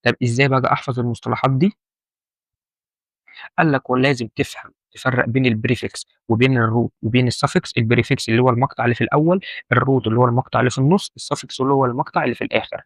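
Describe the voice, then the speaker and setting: Speaking at a racing clip with fairly even intonation, a medium-pitched man teaches medical terminology informally. He has an Egyptian Arabic accent, goes back over key points, and asks the listener questions; there's no room sound.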